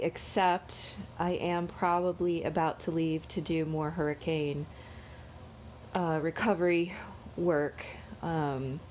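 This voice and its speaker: A woman host giving a casual spiritual card-reading vlog, sounding low on energy and slightly unwell with a cold, talking haltingly. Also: a little mellow, a little hiss or hum. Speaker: host of a daily tarot reading.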